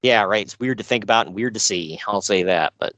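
A man's voice: on the low side, a little fast, a bit bright, no room sound. A man co-hosting a podcast, recapping a show with dry sarcasm and frequent laughs. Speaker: podcast co-host. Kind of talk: casual chat.

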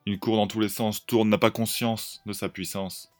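Male host and storyteller: low-pitched, lively improvised narration over faint music. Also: moderate pace.

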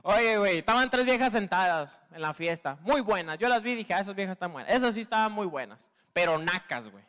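Stand-up comic, male, northern Mexican accent, very high voice, slangy crude storytelling. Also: expressive, brisk, few pauses, fairly bright tone, smooth. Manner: crude slangy storytelling, constant filler tag; acts out women in a higher squeal. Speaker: stand-up comedian. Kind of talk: stand-up comedy monologue.

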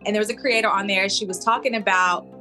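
A woman in her thirties chats casually in an interview. Her voice is bright and forward at a medium pitch, with a little music behind it. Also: steady tone, fast. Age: 30s. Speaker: interviewee, content creator.

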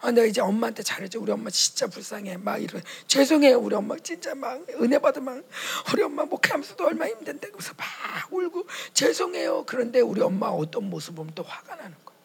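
A pastor's wife preaches dramatically to fellow pastors' wives, acting out quoted voices and swinging between loud outbursts and whispers. Her voice is on the high side, expressive and creaky, and she speaks fast with few pauses.

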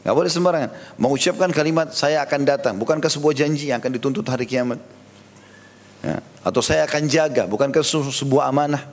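A man's voice: medium pitch, fast talker. A man giving a religious sermon, telling stories and acting out the dialogue of the people in them. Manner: storytelling, acting out quoted dialogue. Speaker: preacher. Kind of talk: Islamic sermon. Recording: long reverb.

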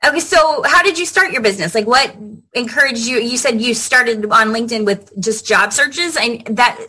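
A woman's voice: a little high, moderate pace, bright, forceful tone, husky. A woman hosting a podcast interview, speaking in a friendly, loose way with filler words. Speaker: podcast host. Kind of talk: casual interview chat.

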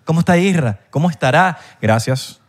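Loud, lively Venezuelan man. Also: on the high side, moderate pace. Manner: loud, playful, slangy banter. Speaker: podcast host. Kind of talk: casual joking chat.

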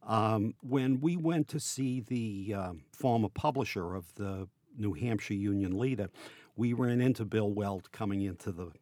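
An older man hosting a casual news chat, asking questions in a halting, conversational way. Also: on the low side, a little mellow, dry recording. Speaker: podcast host.

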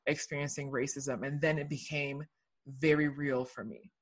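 A woman's voice: very deep voice, fairly even intonation, normal speed. A woman from Liberia, a guest telling her story in an earnest, reflective way during a casual conversation.

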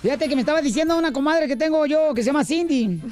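A radio host, a man with a notably high voice, trading jokes and teasing his co-hosts. His banter is quick and playful, with faint music behind him. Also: a little mellow. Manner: joking, teasing.

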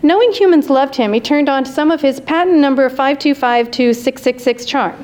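A woman reading her own comic story aloud at a live reading, lively and amused. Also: sits high, normal speed, slight background noise.

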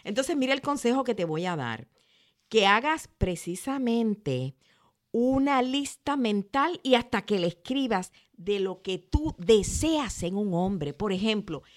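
A woman hosts a motivational podcast in easy conversation. She is animated and slips into a high, mocking voice for quoted complaints. Her pitch sits in the middle. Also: measured pace. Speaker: podcast host.

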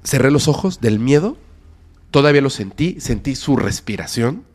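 A man with a Mexican accent tells a frightening personal story on a podcast. His voice sits at an ordinary middle pitch. He shifts between hushed whispers and sudden loud emphasis for drama. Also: animated, moderate pace, breathy edge. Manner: dramatic, drops to whispers and bursts of loudness. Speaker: podcast guest.

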